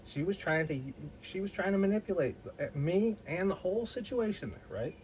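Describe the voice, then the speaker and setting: A man's voice: high voice, animated, normal speed, a little mellow, a little hiss or hum, poor audio. A man telling a personal story in a blunt, heated way, swearing freely and often restarting his sentences. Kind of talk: casual storytelling.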